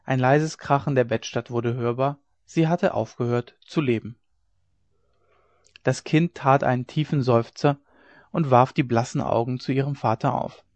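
A man narrates a classic story in a measured, dramatic manner, his voice at a middle pitch. The recording is dull and lo-fi, close and dry with no room echo. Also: steady tone, a little mellow. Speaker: audiobook reader. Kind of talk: scripted narration of a classic novella.

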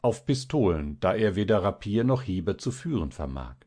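A man voicing a gentle, earnest young male student who speaks mildly and seriously. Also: deep voice, very animated, normal speed. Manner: mild and serious.

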